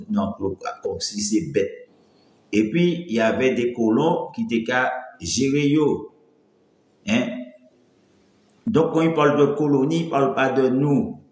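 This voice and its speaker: Man live streaming, roomy echo. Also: fairly low pitch. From French Antilles. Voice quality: light voice that cracks when pushed. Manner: rambling, greets viewers by name. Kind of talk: casual live-stream chat.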